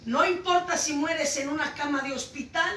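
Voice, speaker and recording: Woman, impassioned testimony sermon, high voice, echoey room from far off. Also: normal speed, a little hiss or hum. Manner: impassioned, swings between shouting and hushed. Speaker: preacher giving testimony. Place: church home meeting.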